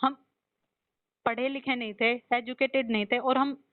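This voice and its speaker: A woman argues a point of faith with pressing insistence, over and over demanding to be heard. Her voice sits somewhat high. The sound is thin and phone-like. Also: flat delivery, a little slow. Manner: insistent, keeps cutting in with "listen". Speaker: devotee raising doubts. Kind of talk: argumentative religious debate.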